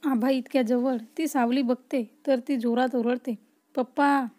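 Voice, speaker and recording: Woman reading a long family story, steady and even, high mellow voice. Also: moderate pace. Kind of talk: story narration.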